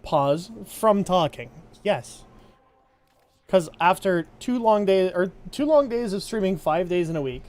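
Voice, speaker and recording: A man casually chatting with viewers during a game stream, his throat raw and sore, rambling in a low-energy way as he answers questions. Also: expressive, a little slow, a little mellow.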